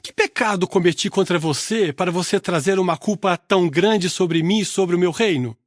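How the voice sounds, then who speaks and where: In a Bible audio reading, a man voices an indignant ancient king who pleads and protests. He pitches his voice high, above his own natural voice though close to an everyday one, at a normal speed with studio quality and no room sound.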